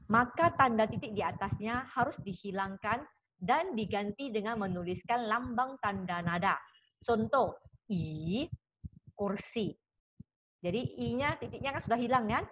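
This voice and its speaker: A woman's voice: mid-range voice, a bit bright. A woman teaching a Mandarin pronunciation lesson, patient and reassuring, repeating example sounds for her students. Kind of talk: recorded class lesson. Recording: dull lo-fi audio with faint hiss.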